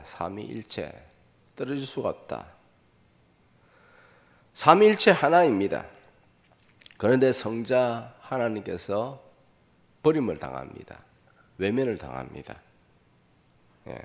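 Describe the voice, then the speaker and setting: A pastor preaching a sermon in a church with a dramatic delivery. He acts out quoted voices in sudden loud bursts and throws short questions back to the congregation. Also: lowish voice, creaky. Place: church sanctuary.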